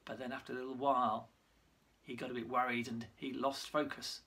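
A church leader giving a lively Bible story talk for online worship, using props and sometimes stumbling over names. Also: mid-range voice, fairly quick. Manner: lively storytelling with props, loses track and corrects itself.

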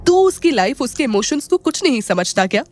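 A woman voicing a quick-tempered young male friend in an audio drama, scolding with a raised voice. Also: a little high, animated, soft background music, close to an everyday voice.

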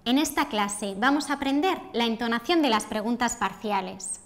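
Woman, high voice, pronunciation teacher, scripted lesson, clear and deliberate, demonstrates intonation. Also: lively intonation.

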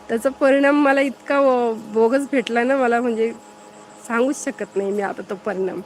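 A woman's voice: a little high, a little hiss or hum. Chatty woman hosting a live stream. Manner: chatty, greets viewers and answers their comments. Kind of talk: casual live-stream chat with viewers.

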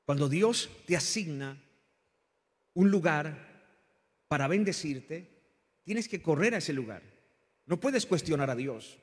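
A male pastor preaches with fervor, his voice climbing and falling as he calls the congregation to repeat after him. His slightly husky voice rings through a church hall with a long reverb. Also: expressive, slow, long pauses. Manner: impassioned preaching, rising and falling in pitch and volume. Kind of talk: sermon.

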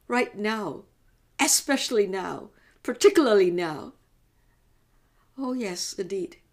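Woman acting a slow, grieving biblical mother. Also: fairly high pitch. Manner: slow, emotive, pleading delivery. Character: grieving middle-aged mother Mary watching her son crucified, anguished, devout. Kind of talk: dramatic religious monologue.

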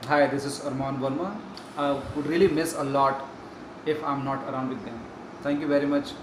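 A middle-aged man, a teacher, giving a slow, polite thank-you speech to the camera while seated beside his students. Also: mid-range voice, steady tone. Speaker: English and fitness teacher. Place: indoor room, seated on a sofa beside two kids. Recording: echoey room with air-conditioner hum.

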